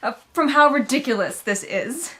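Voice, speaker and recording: The host of a book readalong vlog offers casual, comedic commentary, sounding exasperated, sarcastic and emphatic, and she acts out characters in mocking asides. Her voice sits high and is expressive, with a moderate pace and a sharp tone.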